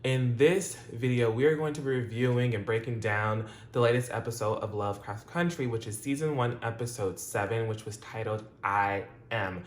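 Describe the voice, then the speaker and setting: A man reviews a TV episode on his own channel at normal speed in a mid-range voice with hardly any pauses. Chatty and loose, he rambles with frequent fillers, restarts and laughs, and the recording has a roomy echo.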